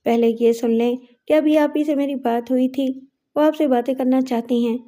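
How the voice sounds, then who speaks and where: Woman voicing a brisk clever younger sister. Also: high voice, steady tone, mellow, lightly acted. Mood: matter-of-fact.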